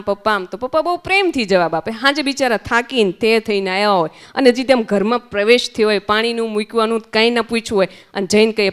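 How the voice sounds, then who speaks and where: A woman with a Gujarati accent leads a lesson for children. She keeps asking the group questions and repeats their answers back. Her voice is slightly high and very clear. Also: a bit bright. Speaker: spiritual teacher at children's summer camp. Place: centre hall.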